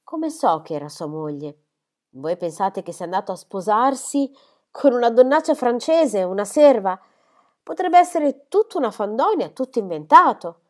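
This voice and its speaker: A woman's voice: a little high, very animated, moderate pace, voice pushed up. A woman voicing a grieving elderly country squire who is proud and impulsive, speaking with emotional outbursts. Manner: emotional, outbursts of grief and anger.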